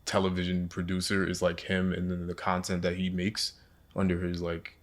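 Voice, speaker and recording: A man's voice: sits low, completely flat delivery, normal speed. A man co-hosting a podcast, chatting casually and laying out his points step by step. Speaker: podcast co-host. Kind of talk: casual conversational chat.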